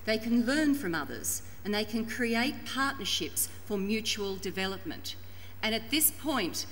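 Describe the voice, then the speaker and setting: An Australian woman presents at a conference in carefully articulated, formal sentences. Her mid-pitched voice carries through a big reverberant room with some noise behind it. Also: fairly bright tone. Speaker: panel presenter introducing and restating a colleague's talk. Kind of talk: public panel presentation. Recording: echoey hall with background noise.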